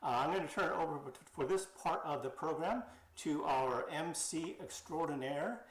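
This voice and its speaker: A man hosting an online singing festival in a chatty, halting way with many fillers. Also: a little high, reverberant, rough recording. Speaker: festival host. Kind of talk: casual live-stream hosting.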